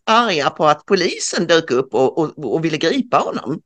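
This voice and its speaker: A woman's voice: sits low, very animated. A woman co-hosting a casual news commentary podcast, recounting events with frequent hesitations and fillers. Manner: hesitant, many filler sounds. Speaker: podcast co-host.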